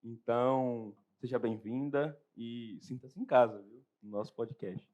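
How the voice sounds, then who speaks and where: A young seminarian hosting a podcast interview, asking questions and drawing comparisons in a formal, measured way. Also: male voice, mid-range voice, a little mellow, lo-fi sound. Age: young adult.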